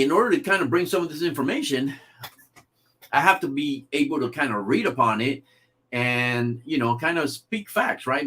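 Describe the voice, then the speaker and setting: A male livestream host chatting casually to his viewers. His voice sits at an ordinary middle pitch, and he rambles through thoughts with frequent fillers and self-corrections. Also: bright, forceful tone. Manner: rambling, many fillers and restarts.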